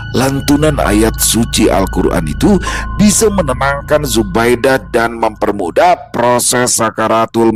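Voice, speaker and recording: Low-voiced guy reading a scary story, slow and gloomy, music in the back. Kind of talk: scripted horror narration. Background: background music.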